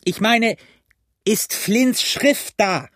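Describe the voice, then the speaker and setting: A man's voice: high voice, extremely slow, a bit bright, no echo, clean studio sound, pitched above the performer's own voice, exaggerated voice. A man voicing a furious blind old pirate beggar who shrieks curses and barks orders at his gang. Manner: shrieking, cursing, barking orders. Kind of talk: audiobook character voice.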